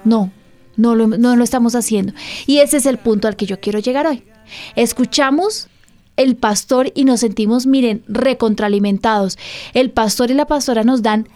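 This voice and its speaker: A woman's voice: on the high side, darkish tone. A woman pastor hosting a church program, teaching earnestly and often turning to her listeners with questions. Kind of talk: church radio teaching talk.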